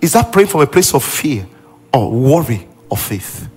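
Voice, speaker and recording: A man's voice: mid-range voice, very animated, normal speed, a little mellow, breathy edge, soft background music. A male pastor preaching a sermon with emphasis, repeating key lines and acting out what people say.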